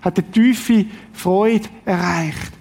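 A man's voice: high voice, drawn-out words, vocal fry, darkish tone, breathy edge. A man preaching a sermon, reading scripture and speaking directly and earnestly to the congregation. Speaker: pastor.

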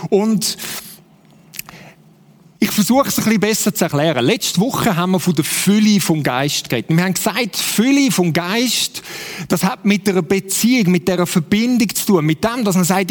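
A man with a Swiss German accent preaching a sermon in a conversational way, often turning to the congregation with "oder?". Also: high-pitched. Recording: long hall reverb.

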